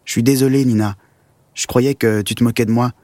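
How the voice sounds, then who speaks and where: A man's voice: mid-range voice, fairly even intonation, fairly quick, dark tone, no room sound, natural voice. A man voicing an eager, earnest young schoolboy in an audio story. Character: shy, clever young schoolboy.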